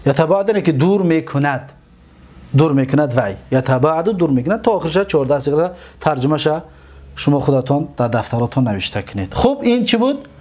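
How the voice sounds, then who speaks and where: A man's voice: on the high side, sing-song, a little mellow. A man teaching a class, reciting drill lists in a chanting rhythm, repeating key points and asking the class questions. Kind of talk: lecture on Arabic verb forms.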